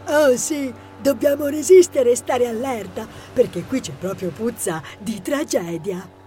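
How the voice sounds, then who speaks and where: A jumpy, anxious boy who always expects disaster, as a man puts him on. His voice is pitched well above the narrator's and frets its way through every line. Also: a little slow, darkish tone. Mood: nervous. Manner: anxious, dramatic. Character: nervous jittery boy.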